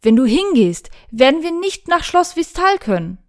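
A brash young bodyguard, as a woman reading the tale puts him on, louder than the narration and cutting in with insistence. His voice is forceful and pushy. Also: sits high, big pitch swings, moderate pace, pitched above the performer's own voice. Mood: insistent. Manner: forceful, interrupting.

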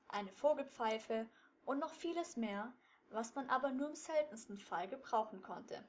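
A woman calmly reading a children's detective story aloud. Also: fairly high pitch.

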